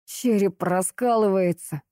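A woman's voice: medium pitch, unhurried, warm tone, no room sound, clean studio sound, close to an everyday voice. A woman narrator voicing a tense young man who speaks in clipped commands. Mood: pained, urgent.

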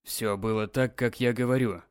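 A man voicing a calm, insistent, controlling husband in an audiobook, soothing but commanding. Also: mid-range voice, normal speed, clear, resonant tone, no room sound, studio quality, natural voice. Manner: firm, soothing yet commanding. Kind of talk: audiobook character reading.

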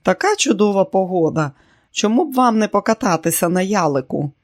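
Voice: medium pitch, sing-song, brisk, close to an everyday voice. A reader voicing a controlling, scheming rich matriarch in an audiobook, speaking dryly and politely. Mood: cool. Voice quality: dry, pointed. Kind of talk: audiobook character reading.

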